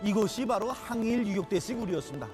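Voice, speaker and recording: Male orator, high-pitched, North Korean accent, solemn reverent declamation over music. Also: expressive, fast. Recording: loud music under voice.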